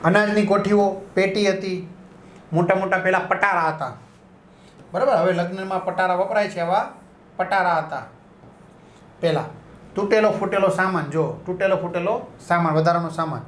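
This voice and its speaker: A man's voice: high voice, moderate pace, pauses often, fairly bright tone, a little hiss or hum. A male teacher explaining a school lesson, repeating and rephrasing each line and checking in with his students. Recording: echoey room.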